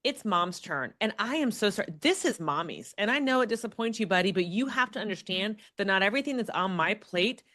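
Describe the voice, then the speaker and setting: A young adult woman chatting casually on a podcast, lively and expressive, often acting out what she says to others and restarting her sentences. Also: mid-range voice, a little fast, few pauses. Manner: animated, acts out quoted speech, frequent restarts. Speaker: podcast guest.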